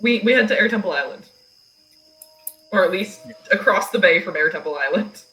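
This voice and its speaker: Bright-voiced woman playing a tabletop game. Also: medium pitch, lively intonation, moderate pace, soft background music, low-quality recording. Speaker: player. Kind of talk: casual tabletop play.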